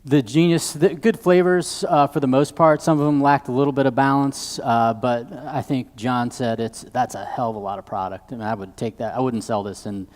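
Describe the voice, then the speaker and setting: A man's voice: mid-range voice, fairly even intonation, normal speed, hardly any pauses, darkish tone. A man critiquing as a competition judge, with direct, emphatic advice. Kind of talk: off-the-cuff panel critique. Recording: long hall reverb.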